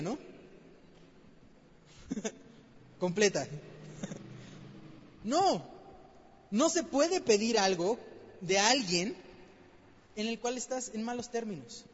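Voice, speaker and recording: A man preaching a conversational sermon, asking rhetorical questions and repeating phrases for emphasis. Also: sits high. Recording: long hall reverb, dull lo-fi sound.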